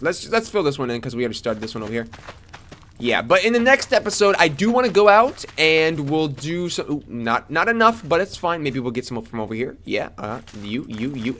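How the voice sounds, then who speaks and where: A young man giving casual commentary as he plays a game, chatty and excitable, talking to the characters on screen. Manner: excitable, jumps to high squeals. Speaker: let's play gamer.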